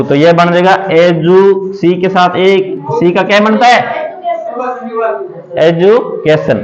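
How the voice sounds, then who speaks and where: A male teacher giving a step-by-step phonics lesson, repeating each question and answering it himself while writing examples on a board. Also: high-pitched. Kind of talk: classroom lesson on English phonics. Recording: dull lo-fi recording.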